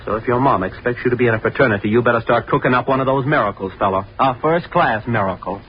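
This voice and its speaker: A man's voice: mid-range voice, fast talker, close to an everyday voice. An actor playing a brash, dismissive young fraternity man, blunt and slangy, in a 1930s radio drama. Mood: scornful. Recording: dull, noisy 1930s radio recording.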